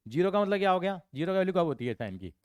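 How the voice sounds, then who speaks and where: Male tutor, walks students through each step with quick questions, smooth and dry. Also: sits high, big pitch swings, no room sound, muffled recording. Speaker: accounts and maths tutor. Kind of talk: classroom teaching.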